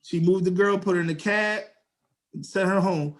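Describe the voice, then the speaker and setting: A man's voice: high voice, moderate pace. A young man, co-hosting a podcast and telling a story in slangy casual chat, acting out quotes in a raised voice. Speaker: podcast co-host.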